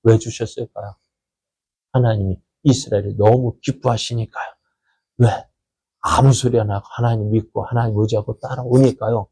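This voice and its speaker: A Korean-speaking man preaching to his congregation. He asks questions, answers them himself, repeats phrases for emphasis, and reads scripture slowly. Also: steady tone, mellow, breathy edge. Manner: repeats phrases for emphasis, rising and falling pitch. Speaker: pastor. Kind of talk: sermon.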